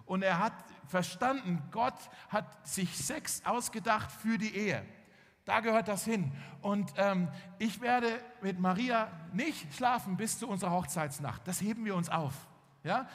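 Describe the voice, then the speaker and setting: A man's voice: high voice, fairly bright tone. A man preaching a sermon, telling the story vividly and acting out the dialogue. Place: church hall. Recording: long hall reverb.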